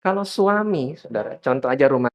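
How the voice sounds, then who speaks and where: A man preaching a sermon in a lively style, pitched at an ordinary middle level. He speaks straight to the congregation and often swings up into high, emphatic stretches. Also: fairly quick. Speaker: pastor.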